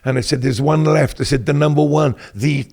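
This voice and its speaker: A man's voice: a little high, fairly even intonation, fairly quick, creaky, a little mellow. An older Welsh man from Wales, a military veteran guest telling anecdotes in an interview and acting out the voices he quotes. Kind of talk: casual interview storytelling.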